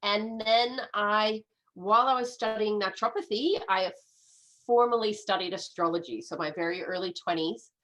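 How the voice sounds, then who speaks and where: A woman in her fifties from the United States, with an American accent and a nasal, slightly stuffed-up voice from a lingering head cold, speaks at medium pitch and normal speed. A medical astrologer guesting on a casual podcast interview, she is chatty and enthusiastic, often tripping over words and restarting sentences. The recording is low quality.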